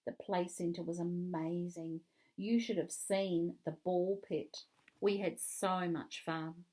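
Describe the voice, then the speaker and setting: A woman's voice: fairly low pitch, steady tone, slow pace, dark tone. A woman voicing a cheerful young boy in a children's read-along, earnest and eager. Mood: excited. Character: cheerful young boy celebrating his birthday.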